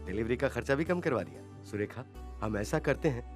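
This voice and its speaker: A man's voice: mid-range voice, lively intonation, a little fast, soft background music, close to an everyday voice. A man playing a father who scolds his children in an exasperated way, in dubbed film dialogue.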